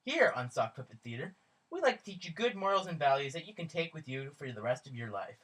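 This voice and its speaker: A mock-solemn host of a goofy children's sock puppet show, performed by a woman. The narration sounds scripted and educational, in a lowered, husky voice. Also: big pitch swings, quick pace, full character voice.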